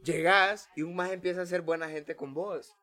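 A man's voice: high-pitched, steady tone, sharp tone. A man, laying out scenarios in a casual chat and dropping English slang. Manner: quick, mixes English slang. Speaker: podcast co-host.

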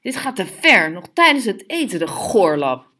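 A woman's voice: lowish voice, fairly quick, a bit bright, close to an everyday voice. A woman reading the part of a blunt, cheeky teenage boy, in a sneering tone. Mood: indignant.

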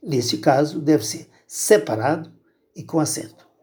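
A man's voice: fairly high pitch, lively intonation, a little slow, darkish tone. A man with a Brazilian Portuguese accent, a teacher giving a spoken grammar lesson and patiently repeating each rule.

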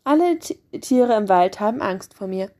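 A woman's voice: mid-range voice, expressive, moderate pace, dark tone, natural voice. A woman doing a plucky little mouse. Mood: boastful. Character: small clever mouse, bold and quick-witted.

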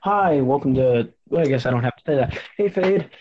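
Brief: mid-pitched male podcast host, rambling and teasing, slightly muffled mic with faint hiss. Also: lively intonation, brisk. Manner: rambling, full of "I mean" restarts, teasing. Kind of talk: casual podcast chat.

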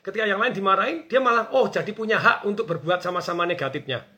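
Bright, high-voiced energetic man. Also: fast. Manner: energetic, acts out quoted bosses and workers. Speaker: business coach guest. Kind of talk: animated radio talk.

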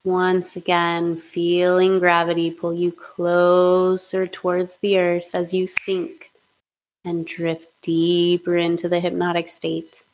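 Female hypnotist, low-pitched and very even, soothing guided induction. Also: rough recording. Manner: slow, soothing, monotone guidance.

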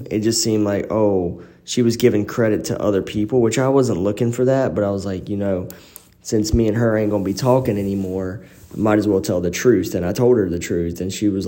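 A man's voice: fairly low pitch, warm tone. A man hosting a podcast, telling a personal story in a rambling casual way with lots of fillers, recorded on a phone in an echoey apartment living room. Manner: rambling, frequent "you know" fillers. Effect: echoey room reverb. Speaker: podcast host.

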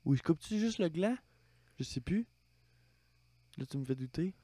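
A man's voice: a little high, expressive, normal speed, warm tone, no echo. A young man with a Quebec French accent in crude casual chat, laying out gruesome details in a matter-of-fact way.

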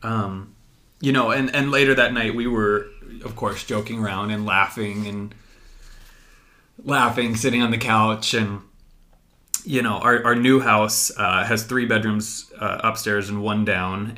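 A man's voice: lowish voice, pushed and bright. A young man hosting a podcast, earnestly telling a personal story to his wife, reflective and full of fillers. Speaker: podcast host.

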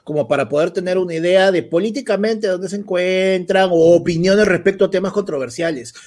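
Husky young peruvian man bantering. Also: high voice, a little fast, a little mellow. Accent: Peruvian Spanish. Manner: exasperated, playfully correcting, swears casually. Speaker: comedy podcast co-host. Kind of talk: comic banter.

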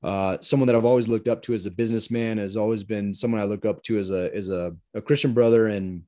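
Earnest, low-voiced male podcast host. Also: fairly even intonation, fast talker, dark tone. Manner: earnest, effusive, many restarts. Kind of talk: casual interview chat.

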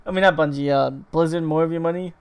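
A man with a slightly high, gravelly voice, bantering loosely with his friends on a podcast. He swears without a second thought and keeps breaking into laughter. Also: fairly even intonation, fast talker. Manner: loud, laughs often, swears freely. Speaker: podcast co-host. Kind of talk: casual chat among friends.

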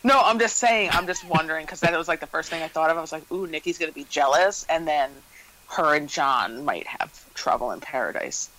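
A man's voice: a little high, animated, fairly quick, bright, forceful tone, poor audio. Rambling podcast co-host man. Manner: rambling, hesitant, restarts often. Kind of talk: casual chat.

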